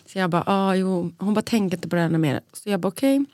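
A woman's voice: mid-range voice, dry recording, clean studio sound. A woman co-hosting a podcast in casual chat, telling stories animatedly and acting out the people in them. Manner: animated storytelling, acting out dialogue. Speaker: podcast co-host.

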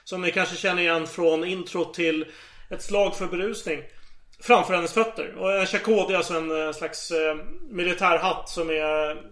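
High-voiced man retelling a story. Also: reverberant. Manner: animated retelling, acts out quoted lines. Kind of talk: casual storytelling chat.

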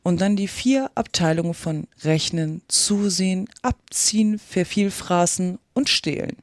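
A reader voicing a sad, sighing mock turtle, speaking slowly and plaintively in a storybook reading. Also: mid-range voice, dry recording, close to an everyday voice. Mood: mournful. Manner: slow, drawn-out, plaintive. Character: mournful sighing mock turtle from a fairy tale. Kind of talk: reading a children's classic aloud.

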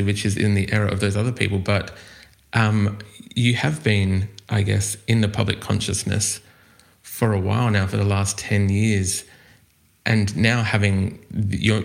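A man's voice: lowish voice, gravelly. An Australian man hosting a music podcast, chatting casually with fillers and restarts. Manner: friendly, hesitant with fillers and restarts. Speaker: podcast host. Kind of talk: casual interview chat.

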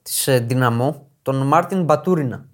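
A man co-hosting a casual football podcast, introducing players one by one in a chatty way. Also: medium pitch. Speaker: podcast co-host.

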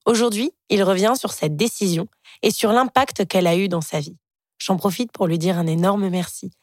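A woman hosting a podcast, introducing her guest and asking questions in an upbeat, slangy way with quick encouraging replies. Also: mid-range voice. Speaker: podcast host. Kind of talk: casual interview.

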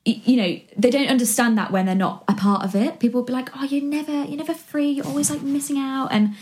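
A woman's voice: high-pitched, steady tone, quick pace, darkish tone. A woman in her twenties from West Yorkshire, chatting casually as a guest, rambling with lots of ums and likes. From West Yorkshire, England. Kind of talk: casual chat.

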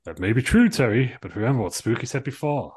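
A man's voice: medium pitch, expressive, quick pace, a little mellow, husky, voice pushed up. A man voicing a steadfast, encouraging space hero, earnest and rallying, in an amateur script reading.

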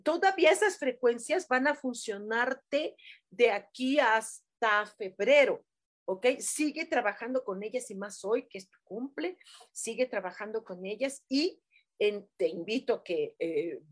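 A woman's voice: a little high, expressive, a little slow. Chatty Mexican woman reading live comments. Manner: warm, chatty, many fillers, affectionate terms. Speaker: livestream host giving angel messages. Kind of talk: casual live-chat reading.

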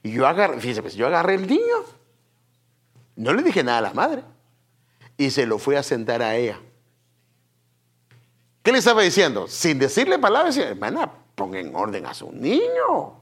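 A man delivers a sermon in a husky voice, his pitch rising and falling dramatically. He speaks straight to his listeners, often calling them brother. He drops to near-whispers, then comes back with loud, pointed emphasis. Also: wildly swooping pitch, moderate pace, long pauses. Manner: swings between hushed asides and loud emphatic bursts; addresses the congregation directly, repeating "fíjese" and "hermano". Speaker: pastor.

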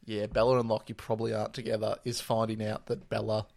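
A man with a mid-pitched, gravelly voice trades sarcastic quips about a dating show. The recording is dry and close-miked. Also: completely flat delivery, fast talker, darkish tone, no echo. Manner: wry, sarcastic asides. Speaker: podcast co-host. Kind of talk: casual chat recapping a reality show.

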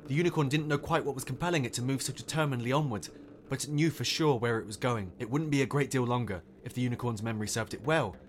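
A man who hosts a podcast, calmly narrating a fairy tale in a measured storytelling voice. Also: medium pitch, a little hiss or hum. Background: music.

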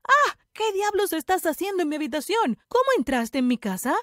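A woman voicing a young man who shouts sharply at an intruder and then speaks calmly and firmly. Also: very high-pitched, fairly quick, no room sound, studio quality, pitched above the performer's own voice. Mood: angry. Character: young man, annoyed, then furious at a stalker.

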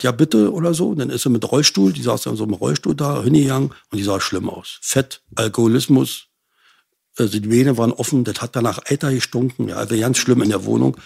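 A man's voice: mid-range voice, vocal fry, darkish tone, husky. An older man telling his hard life story as an interview guest, blunt and swearing. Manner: blunt, swears, relives angry outbursts.

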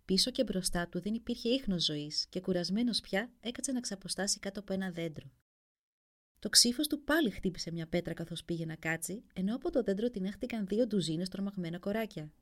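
Woman storyteller, lively pitch, expressive fairy-tale reading. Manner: expressive, animated.

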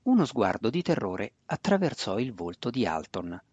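A man's voice: on the low side, big pitch swings, normal speed, darkish tone, slightly rough, no echo. A man narrating a fantasy novel as a reader. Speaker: audiobook narrator. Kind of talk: scripted narration. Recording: dry, dull lo-fi recording.

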